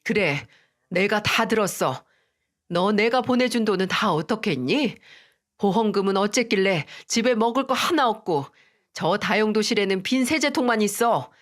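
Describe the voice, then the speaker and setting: A woman's voice: mid-range voice, expressive, normal speed, natural voice. Brief: a woman doing a firm, scolding older mother-in-law in a storybook drama, stern and unbending.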